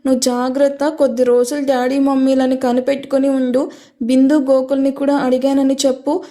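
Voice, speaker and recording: A woman's voice: sits high, little pitch movement, brisk, natural voice. Woman voicing a tearful young bride. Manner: speaks softly through sobs.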